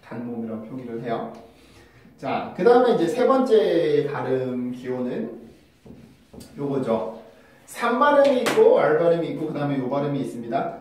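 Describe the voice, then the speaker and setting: A man's voice: medium pitch, very animated, normal speed, noisy background. A man teaching English pronunciation in a casual video lesson, explaining patiently and moving between polite and casual speech. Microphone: phone camera with a mic on it. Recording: very echoey room, mic at a distance.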